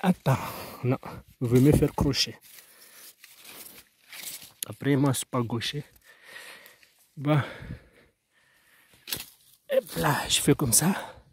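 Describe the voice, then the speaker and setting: A man's voice: a little high, slight background noise. A man with a Mahoran French accent, a farmer talking casually outdoors about his crops, hesitant and rambling with many restarts. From Mayotte. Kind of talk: casual farm vlog.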